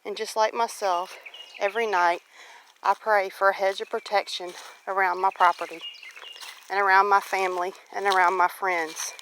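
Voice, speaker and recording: Speaking at a moderate pace in a medium-pitched, fairly bright but flat voice, a homestead vlogger in her late forties reflects casually to viewers while walking her rural land. She's devout and encouraging. The audio is poor, recorded outdoors with clear background noise.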